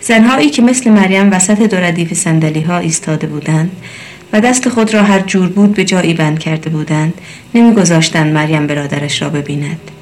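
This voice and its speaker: Low-voiced woman reading a story aloud. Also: slight background noise. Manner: steady storytelling with voiced asides for characters. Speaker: narrator.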